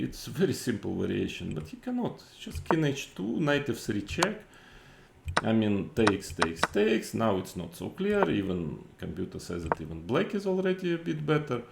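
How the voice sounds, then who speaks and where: Exasperated low-voiced man commentating chess. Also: vocal fry, reverberant, noisy background. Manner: exasperated, incredulous, critical; repetitive, halting phrasing with rhetorical questions. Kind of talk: off-the-cuff chess game commentary.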